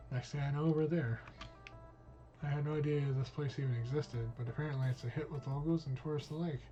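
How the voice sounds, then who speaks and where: A streamer reading a visual novel aloud, voicing all parts in a casual, cursing manner. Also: male voice, fairly high pitch, fairly even intonation, moderate pace, long pauses, mellow, lo-fi sound, faint music behind. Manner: casual, reads all parts, drops in swear words.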